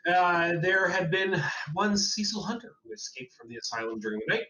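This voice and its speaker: A man's voice: high voice, moderate pace, bright, forceful tone, low-quality recording. A man narrating a tabletop horror game as game master, rambling with many fillers.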